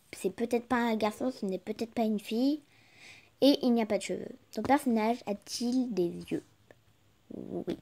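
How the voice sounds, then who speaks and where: Young french woman doing a casual vlog, reads game questions out loud slowly, kinda high voice. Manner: reads the game's questions aloud and answers them. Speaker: YouTuber playing an online guessing game. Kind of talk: casual vlog commentary, reading questions aloud.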